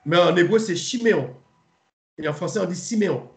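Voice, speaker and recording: A man leads a relaxed Bible study, speaking in a fairly high voice. He stops and restarts often and spells out names letter by letter. The room around him is echoey. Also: vocal fry. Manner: halting, repeats words, spells names letter by letter. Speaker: Bible teacher. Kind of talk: informal Bible study lesson. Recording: roomy echo.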